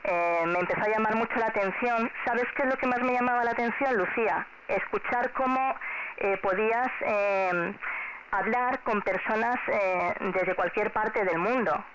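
A middle-aged woman from Spain, speaking with a Spanish accent in a mid-range voice at a moderate pace, chats casually with a child over amateur radio. She is friendly and encouraging, often repeating herself. Her voice comes through a radio transceiver speaker as a two-way shortwave transmission, and the signal is noisy and muffled.

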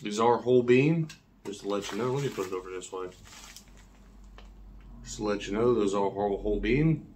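A man's voice: fairly low pitch, a little fast, long pauses, a little mellow. A man in his thirties with a whistling s, chatting casually and slangily as he presents an unboxing, often repeating himself. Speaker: coffee review vlogger. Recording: clear background noise and clicks.

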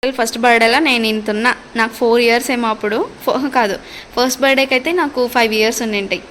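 A woman's voice: fairly high pitch, fairly even intonation, fast talker, fairly bright tone, slight background noise. A young adult woman chatting casually in a family vlog, reminiscing with playful asides. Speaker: family vlogger.

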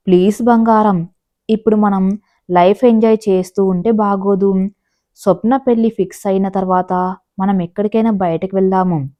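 A woman reading the part of a gentle, dutiful young daughter-in-law in a storybook audio drama. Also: medium pitch, fairly even intonation, moderate pace, muffled recording, natural voice.

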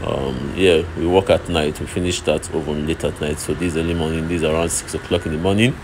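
A deep-voiced Nigerian oven fabricator narrates while filming his workshop and an outdoor street site on a handheld phone, speaking a little fast in a steady tone. He explains his work step by step and repeats himself, against loud background noise.

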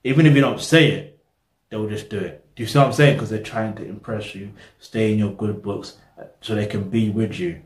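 A man's voice: fairly low pitch, a little fast. A young man, hosting a reaction video, talking casually to the camera in a small room, rambling and losing his train of thought. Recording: roomy echo.

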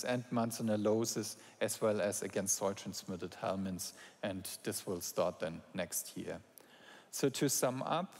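Middle-aged man, conference speaker, calm explanatory delivery, mid pitch, large echoing hall. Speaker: conference presenter. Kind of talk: scientific conference talk. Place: large lecture hall, standing on stage. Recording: long hall reverb.

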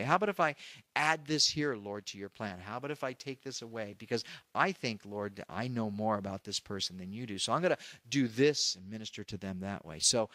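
A man's voice: on the high side, a bit bright, no echo. A middle-aged male pastor teaching through a Bible passage verse by verse, in a conversational way that acts out the people he quotes. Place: church.

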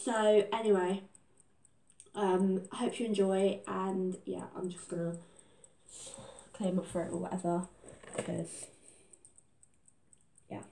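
A teenage girl congested from a bad cold chats casually and self-deprecatingly in her living room at home, before and after singing an a cappella cover for her vlog. Her mid-range voice is warm and creaky, with little pitch movement; she takes it slowly and pauses often, and the room sounds echoey.

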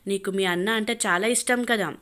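A woman's voice: mid-range voice, normal speed, a bit bright, natural voice. A woman voicing a cruel, vengeful young husband who talks in a cold, taunting, menacing way.

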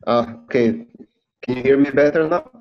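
A man giving a polite, measured introduction as a youth project manager and translator in an online meeting, his audio broken and metallic like a robot. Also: medium pitch. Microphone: video call. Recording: muffled lo-fi video call audio.

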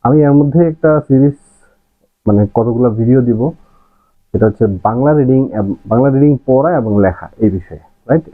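A male primary school teacher, introducing a video lesson in a friendly way and checking in with viewers. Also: medium pitch. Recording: tinny phone-like lo-fi sound.

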